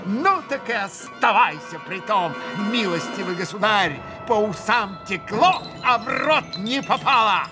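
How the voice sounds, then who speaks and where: A man's voice: high voice, animated, measured pace, few pauses, music in the background, voice pushed up. A man playing a fiery, volatile young woman. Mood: fierce, defiant. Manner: fierce, sobbing outbursts. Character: passionate, volatile young woman, proud and hysterical.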